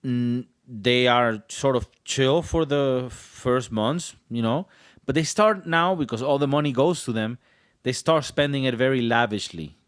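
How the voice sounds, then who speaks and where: A man's voice: medium pitch, unhurried, no echo, studio quality. A man in his thirties hosting a comedy podcast, rambling playfully and hamming up his delivery. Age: 30s. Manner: playful, rambling, hams up voices. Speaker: podcast host. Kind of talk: joking comedy podcast chat.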